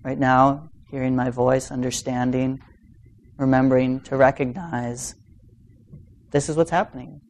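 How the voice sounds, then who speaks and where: A man teaching meditation in an informal dharma talk, speaking in a halting, reflective way with long pauses. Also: medium pitch, flat delivery, a little mellow, a little hiss or hum. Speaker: meditation teacher giving a talk to a practice group.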